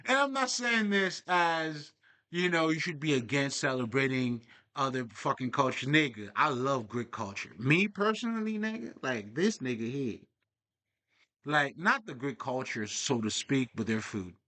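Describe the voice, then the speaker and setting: A man's voice: medium pitch, expressive, measured pace, sharp tone. A young man talking in a casual, profane, rambling monologue as a spiritual vlogger. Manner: profane, streetwise, digressive.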